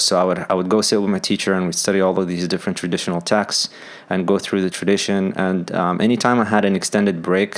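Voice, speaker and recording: A man with a deep, low voice talks as a podcast guest over a call. He tells his life story in long, relaxed answers, full of "um" and "uh". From born in Saudi Arabia, raised there and in Sudan, then Canada. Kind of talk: casual interview talk. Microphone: phone or online call.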